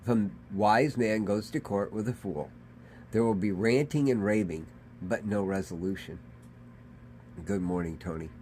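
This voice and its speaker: A man's voice: fairly low pitch, unhurried, mellow, slight background noise. A man, a pastor, giving a conversational daily devotional sermon in an earnest manner. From Michigan. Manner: conversational, earnest, dramatizes quoted voices.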